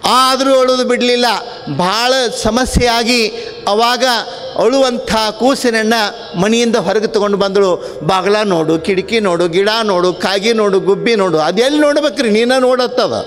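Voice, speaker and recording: A man giving a storytelling sermon, acting out the characters' lines in an animated way. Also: high voice, moderate pace. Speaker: swami giving a religious discourse. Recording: long hall reverb with faint music.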